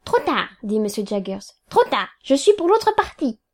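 A woman voicing a stern, curt middle-aged male lawyer who barks clipped rebukes in a raised, higher voice. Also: lively intonation, moderate pace. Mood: severe. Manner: clipped, commanding, sharp rebukes.

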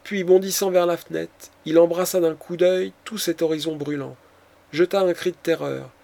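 A man narrating a classic novel as an audiobook, with a measured, dramatic reading. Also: a little high, vocal fry, dark tone.

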